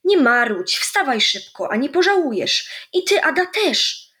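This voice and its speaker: A woman voicing a kind, patient old grandfather in a children's storybook, speaking in a gentle, coaxing, explaining way. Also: sits high, very animated, unhurried, pitched above the performer's own voice, exaggerated voice.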